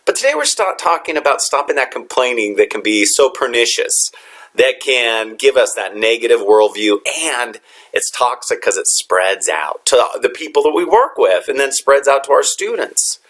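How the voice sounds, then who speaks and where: A man's voice: mid-range voice, moderate pace. Earnest man teacher telling classroom stories. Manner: earnest storytelling with lively quoted dialogue. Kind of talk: motivational talk to educators.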